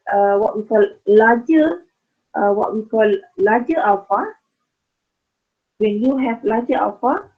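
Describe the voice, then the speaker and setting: A woman lecturing on statistics in an online class, losing her voice and speaking haltingly with many fillers. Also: fairly high pitch, slightly rough. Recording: phone-like narrow sound.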